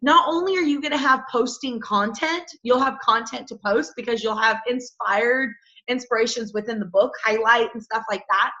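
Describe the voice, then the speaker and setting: A woman's voice: fairly high pitch, moderate pace, pushed and bright, highs cut off. A woman coaching her team on a casual video call, chatty and full of "like" and little asides to the group.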